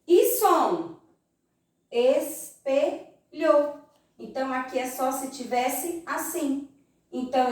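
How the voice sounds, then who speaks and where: Brazilian woman, primary teacher, high lively voice, unhurried, roomy echo, mic set back. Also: far from the mic. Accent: Brazilian Portuguese. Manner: slow, sing-song teaching voice for young children. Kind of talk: recorded remote class lesson.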